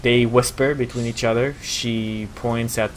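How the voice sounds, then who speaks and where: A man narrating a tabletop game as game master, in a halting, improvised way. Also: mid-range voice, level tone. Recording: faint background noise.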